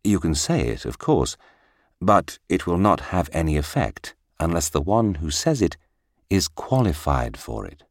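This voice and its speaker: A patient old royal minister speaks in a very deep, husky voice, as a storyteller puts him on. He stays quiet but firm, with a dry, close sound. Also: big pitch swings, a little slow, no echo, exaggerated voice. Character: wise calm older male royal minister.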